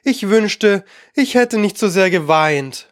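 A man's voice: high-pitched, lively intonation, slow, dry recording, clean studio sound, voice pushed up. A man voicing a polite, curious young girl who talks eagerly and coaxingly.

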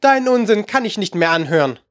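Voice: medium pitch, animated, fast, pitched above the performer's own voice, natural voice. A reader voicing a small, touchy female mouse from a storybook, stern and indignant. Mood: huffy.

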